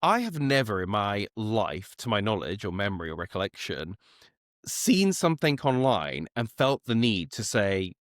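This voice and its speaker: A man's voice: lowish voice, big pitch swings, normal speed, dry recording, studio quality. A man hosting a casual podcast chat, talking in an informal, self-deprecating, unbothered way. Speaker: host and media commentator.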